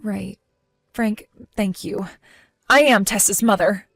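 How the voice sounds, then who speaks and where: A woman's voice: medium pitch, slow pace, gravelly, dry recording, soft background music. An actress playing a guilt-ridden mother who blames herself, with a self-reproaching, pleading delivery, in a dry close recording. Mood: uncertain.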